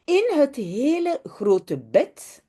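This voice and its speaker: A woman voicing a kindly aunt who puts two small children to bed, in a gently bossy, sing-song manner. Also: sits high, big pitch swings, very slow, pitched above the performer's own voice, full character voice. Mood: fond, bossy.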